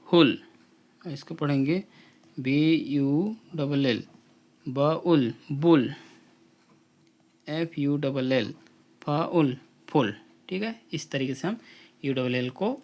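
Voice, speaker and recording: A man teaching an English phonics drill, spelling out letters and blending each sound slowly with repetition. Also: a little high, darkish tone. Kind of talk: slow phonics drill lesson.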